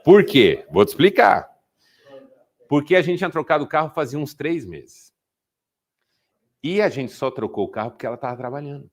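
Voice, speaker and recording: A man's voice: fairly high pitch, normal speed, pauses often. A Brazilian Portuguese-speaking man giving a sermon-style talk to a men's group, telling stories and acting out the dialogue. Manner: animated storytelling, acting out dialogue.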